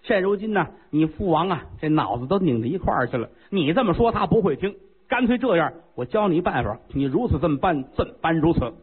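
A man's voice: a little high, big pitch swings, brisk, husky. A male storyteller voicing a shrewd old chancellor who argues urgently and persuasively. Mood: scheming. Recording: lo-fi phone-like recording.

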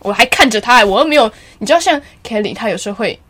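A woman's voice: on the high side, fast talker. A teenage girl co-hosting a podcast, telling school stories in casual chat and laughing often. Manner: animated storytelling, laughing often. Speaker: podcast co-host.

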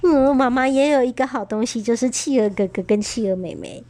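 High-voiced woman reading a bedtime story. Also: a little fast. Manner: gentle, expressive storytelling.

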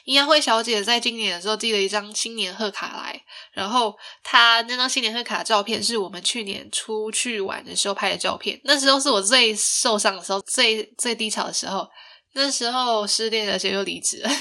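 A woman's voice: medium pitch, pushed and bright. A young woman hosting a podcast, telling a personal story in a chatty way, laughing often and asking listeners rhetorical questions. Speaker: podcast host.

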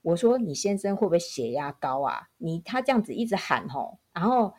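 A woman, a public health nurse telling work stories in a casual podcast chat, animated and emphatic. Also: on the low side, fairly quick.

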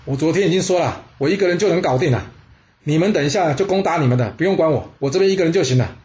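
A man voicing a brash, overconfident male general bragging quickly. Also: on the high side, darkish tone, muffled recording, natural voice. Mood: cocky. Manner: cocky, quick boasting.

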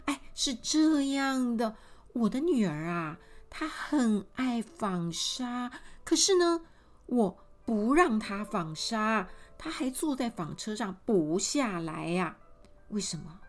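A woman voicing a poor, sly mother in a fairy tale, speaking slowly and fawningly. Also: a little high, very animated. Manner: slow, fawning, drawn out.

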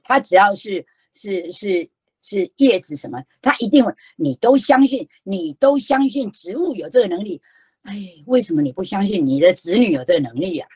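Husky, animated older Taiwanese woman lecturing. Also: mid-range voice, normal speed, dry recording. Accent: Taiwanese Mandarin. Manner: animated and folksy, with emphatic rhetorical questions. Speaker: storytelling educator giving a lecture. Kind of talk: lively lecture.

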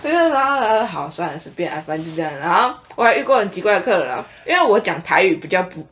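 A young woman from Taiwan with a Taiwanese Mandarin accent, co-hosting a casual podcast chat and telling stories with lively acted-out voices. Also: on the low side, very fast. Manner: animated storytelling, acts out customers' voices. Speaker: podcast co-host.

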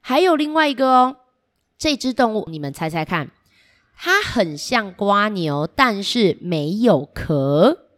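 A woman storyteller reading a picture book to small children in an animated way, coaxing them with questions. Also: mid-range voice, measured pace.

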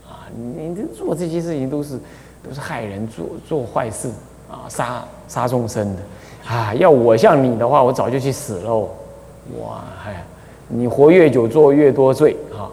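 A man, a Buddhist abbot teaching a class on the precepts, talking in a chatty way with many drawn-out "ah" fillers and small chuckles. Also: medium pitch, dark tone, slight background noise. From Taiwan. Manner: chatty, full of drawn-out "ah" fillers, chuckles at his own anecdotes. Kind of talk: dharma lecture explaining a scripture. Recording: long hall reverb.

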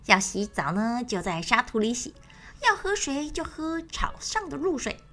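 A woman's voice: a little high, sing-song, normal speed, fairly bright tone. A woman voicing a sly mother guinea fowl in a children's audio story, squawking between her words. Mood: warning.

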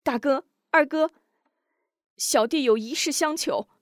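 A woman's voice: high-pitched, unhurried, no room sound, clean studio sound, voice pushed up. A woman reading the lines of an earnest young male swordsman in a martial-arts audiobook, in an emphatic, raised delivery. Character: young male hero, earnest sworn brother.

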